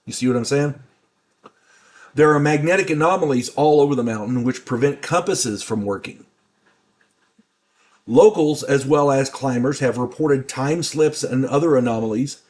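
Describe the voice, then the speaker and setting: An older man hosting his own channel, talking in a rambling, halting way with grumbling asides. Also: medium pitch, darkish tone. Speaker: channel host. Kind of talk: casual monologue.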